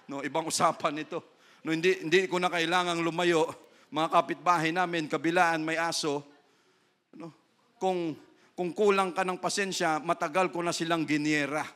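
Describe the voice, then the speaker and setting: A man preaching as pastor, mixing Tagalog and English, often adding a questioning "No?" and slowing down to stress key lines. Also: sits high, sharp tone. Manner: mixes Tagalog and English, frequent tag "No?". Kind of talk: sermon.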